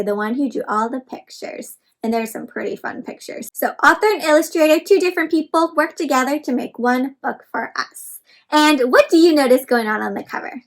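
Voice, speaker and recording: A woman with a high, fairly bright voice hosts an interactive read-aloud for children. She speaks expressively and instructively, often asking her young listeners questions.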